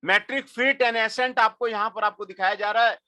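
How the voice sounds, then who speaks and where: Middle-aged male lecturer, high and bright, unhurried, repetitive delivery, dry close sound. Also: steady tone, dry recording. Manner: mixes Hindi and English, repeats phrases, frequent filler "aapko". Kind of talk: classroom lecture.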